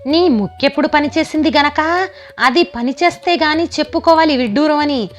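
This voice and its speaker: A woman puts on a bossy old grandmother who scolds and teases in a raised voice. She stays stubborn and sharp-tongued, and quiet music plays under her. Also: high-pitched, normal speed, voice pushed up, lightly acted. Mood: scolding. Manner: scolding, teasing.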